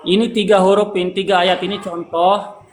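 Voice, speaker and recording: Male tajwid teacher, high-pitched, patient and repetitive, light background noise. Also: level tone, moderate pace. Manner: patient, repeats terms for students. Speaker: Quran recitation teacher. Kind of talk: online tajwid lesson.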